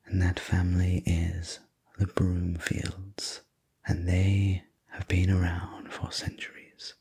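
Male sleep story narrator for whispered role-play: courteous manor servant, very breathy, unhurried and soothing. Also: deep voice, darkish tone.

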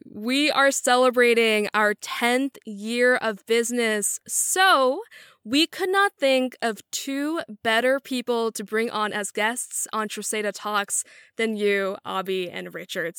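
A woman with a slightly high, fairly bright and smooth voice hosts a company podcast, reading an upbeat scripted intro before eagerly questioning her guests. Her delivery is enthusiastic and a bit sing-song, and the recording is dry with clean studio sound.

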